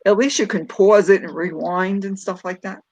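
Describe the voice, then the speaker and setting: A woman's voice: mid-range voice, normal speed, a crowd in the background. A middle-aged woman with a Brooklyn accent, chatting casually as a guest on a livestream. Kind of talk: casual chat.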